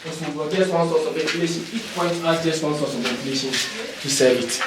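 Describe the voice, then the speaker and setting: A man's voice: a little high, fairly even intonation, moderate pace. A male tour guide patiently explaining step by step, his voice ringing with cave echo in an underground stone dungeon. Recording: echoey cave, distant mic, noisy.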